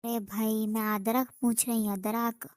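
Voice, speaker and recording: Woman doing a high-pitched scolding old mother-in-law for a cartoon, grumbling and suspicious, dry close sound. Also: measured pace, a little mellow, no echo. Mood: nagging. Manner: scolding, suspicious, rustic speech.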